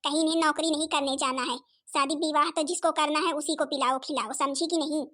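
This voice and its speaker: A woman's voice: high-pitched, steady tone, fairly quick, fairly bright tone. A woman voicing a stingy, scolding older mother-in-law in a cartoon comedy, nagging constantly.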